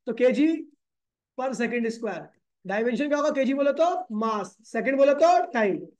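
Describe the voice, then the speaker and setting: A man's voice: very high-pitched, lively intonation, a little slow, darkish tone. A man teaching physics in a classroom lecture. He asks the class questions and answers them himself, calling the students brother and kid.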